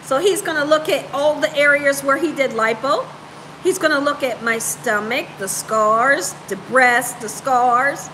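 A woman around her thirties or forties hosts a cooking livestream from a room at home, chatting casually and playfully with viewers and repeating phrases for emphasis. Her voice is high, bright and forceful at a measured pace, and the low-quality recording has slight background noise.

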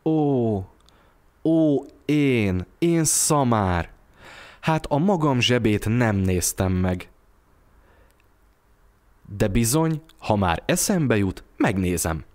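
A man's voice: mid-range voice, expressive, long pauses, darkish tone, pitched above the performer's own voice, lightly acted. A man voicing a poor, frail young mother who keeps joking through hard times, told in an audio storybook. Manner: playful, jokes through poverty.

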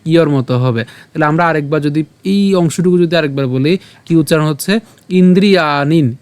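A man teaching Sanskrit verse recitation, slowly repeating each syllable and asking questions as he goes. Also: fairly high pitch, darkish tone, smooth, no echo. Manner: patient, repeats each word slowly and asks rhetorical questions. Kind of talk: slow syllable-by-syllable pronunciation lesson.

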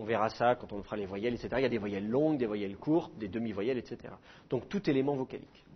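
A man's voice: medium pitch, muffled recording, a little hiss or hum. A middle-aged man teaching a class, explaining with demonstrated sounds and self-mocking humor. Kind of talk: classroom lecture.

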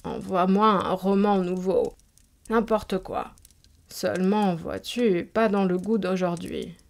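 A woman voicing an old, haughty and capricious countess in a storybook reading, giving drawn-out commands. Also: mid-range voice, fairly even intonation, gravelly. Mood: imperious.

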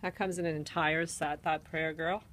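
Filming on her phone as she strolls through an antique mall, a woman with a Canadian accent casually names items and their prices. Her voice sits low and fairly bright, with fairly even intonation at a moderate pace.

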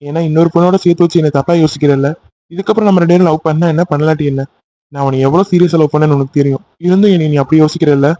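A man's voice: fairly high pitch, steady tone, very fast, dark tone, muffled recording, natural voice. A man voicing a young man in a cartoon love story, pleading insistently with his angry girlfriend. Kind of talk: cartoon voice acting.

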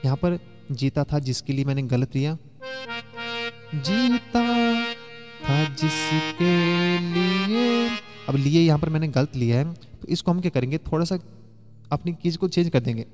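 A man's voice: on the high side, brisk. Man teaching keyboard in a reverberant hall. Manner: chatty, explains step by step, hums song lines while playing. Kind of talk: casual spoken music lesson. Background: faint keyboard music.

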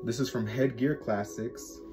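A young man chatting casually in a vlog, excited and rambling with lots of fillers. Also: medium pitch, unhurried, music in the background. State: sleepy, just woken up. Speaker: vlogger.

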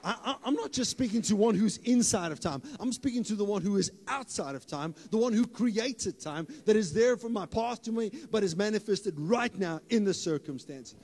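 Speaking into a handheld mic on a church hall stage, this South African pastor delivers his sermon at a moderate clip with few pauses. His high-sitting voice is lively and teasing, climbing now and then to loud, forceful outbursts, while the live PA and hall echo fill out the sound.

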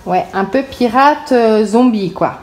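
A woman's voice: a little high, measured pace. A young adult woman chatting casually with children, prompting them with questions as she hosts a family video. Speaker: parent hosting a family video. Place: indoors at home, hard-walled kitchen. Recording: roomy echo, faint music behind.

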